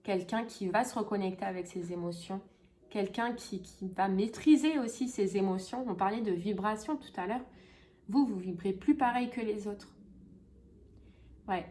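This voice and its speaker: A woman's voice: mid-range voice, moderate pace, a little mellow. A woman giving a casual tarot reading, chatty and full of fillers and repeated phrases. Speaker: tarot reader.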